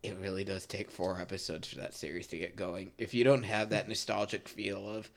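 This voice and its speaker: A man's voice: sits low, fairly even intonation, brisk, gravelly. A man co-hosting a podcast, chatting casually about movies in a rambling, self-deprecating way. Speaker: podcast co-host.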